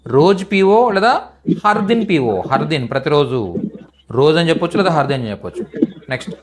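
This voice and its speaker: A man's voice: on the high side, lively intonation, brisk, slight background noise. A man teaching in a live online language class, repeating each phrase patiently for students. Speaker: Hindi teacher.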